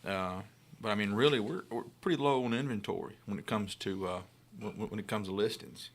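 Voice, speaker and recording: Male radio co-host, fairly low voice, folksy and plain-spoken, in loose casual chat. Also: a little fast. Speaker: radio co-host, real estate agent. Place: radio studio.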